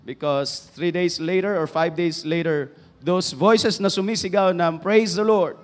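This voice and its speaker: A man with a Filipino accent preaching a sermon, switching between Filipino and English, swinging from loud emphatic phrases down to hushed, low passages. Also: measured pace. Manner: mixes English into Filipino, rising to loud emphasis then dropping to hushed tones.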